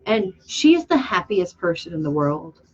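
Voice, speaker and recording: A woman hosting a casual livestream chat, rambling excitably and losing her train of thought. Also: on the low side, normal speed. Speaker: channel host and makeup artist. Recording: dull lo-fi sound.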